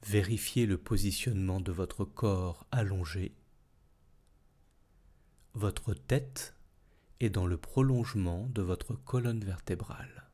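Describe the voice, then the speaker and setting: This yoga nidra relaxation is led by a man whose voice sits low. As instructor, he keeps things calm and soothing, speaking in measured phrases and leaving long pauses.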